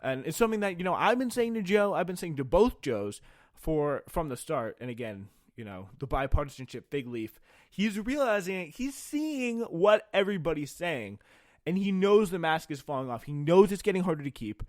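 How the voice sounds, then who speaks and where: A man reading news aloud and adding off-the-cuff political commentary in an informal, halting way. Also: fairly high pitch, animated, no echo, studio quality.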